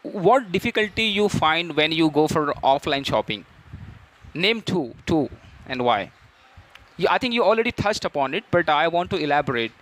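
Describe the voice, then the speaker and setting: Low-voiced patient woman tutor. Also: lively intonation, moderate pace. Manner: patient, many short backchannels, addresses partner as "sister". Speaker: English tutor. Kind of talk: conversation practice and feedback.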